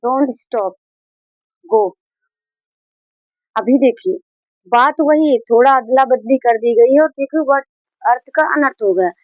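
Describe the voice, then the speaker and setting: A woman's voice: high-pitched, normal speed, dry recording, dull audio. A woman teaching a grammar lesson, explaining patiently, repeating key points and mixing in English terms.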